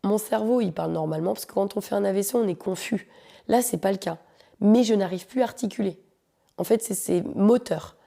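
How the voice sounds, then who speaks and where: A woman with a mid-range voice that is brisk, gravelly and warm hosts a podcast. She tells a personal story in a casual, joking, slangy way, speaking directly to her listeners.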